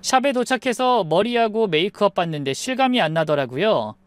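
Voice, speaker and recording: A woman's voice: mid-range voice, animated, fairly quick, no echo. A young woman telling her own story in the first person, confiding and reflective.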